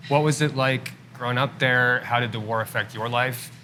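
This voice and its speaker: A man's voice: mid-range voice, fairly even intonation, moderate pace, sharp tone, a little hiss or hum. A man hosting the interview, asking questions in an inquisitive, casual way. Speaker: host.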